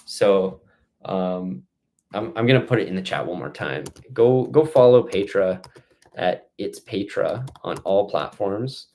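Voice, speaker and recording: A man's voice: low voice, a little slow, dark tone. A man hosting a casual outdoor live-stream Q&A, reading out questions and giving rambling, stop-start answers.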